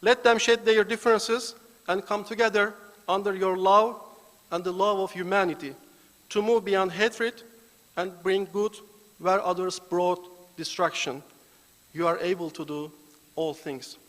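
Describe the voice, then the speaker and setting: A man with a fairly high voice leads a formal prayer, his words solemn and deliberate. The sound rings with the long reverb of a large banquet hall. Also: steady tone, fairly bright tone. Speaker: foundation volunteer giving the opening prayer.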